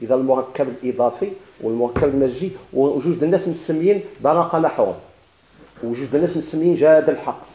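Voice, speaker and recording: A man's voice: mid-range voice, quick pace, mellow, roomy sound, rough recording. A man with a Moroccan Arabic accent teaching a grammar lesson, asking questions and answering them himself with repeated examples.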